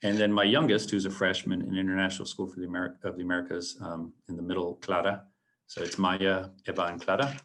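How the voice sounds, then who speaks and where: Low-voiced man giving a halting talk. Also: little pitch movement, fairly bright tone. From San Antonio, Texas. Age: late 40s. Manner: halting, many ums and restarts; earnest, reflective. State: a little choked up. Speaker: alumnus guest speaker. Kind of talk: presentation to students.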